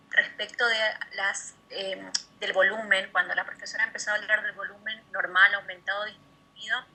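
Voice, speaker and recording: A woman's voice: mid-range voice, pushed and bright, slightly rough, rough recording. A woman teaching a nutrition class online, explaining in a methodical way and repeating key terms.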